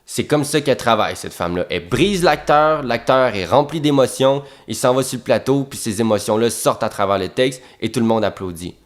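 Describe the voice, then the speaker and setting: A young man with a Québécois French accent, an actor telling behind-the-scenes stories in an animated, profane way, repeating words for emphasis. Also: mid-range voice, brisk, hardly any pauses. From Quebec. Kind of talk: casual storytelling monologue.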